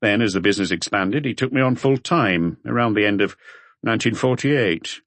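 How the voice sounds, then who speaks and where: Voicing a short, grumpy male accountant for an audiobook, this man sounds guarded and curt while explaining, defensive yet talkative. His voice is on the low side with a fairly bright tone, spoken at normal speed in a dry recording.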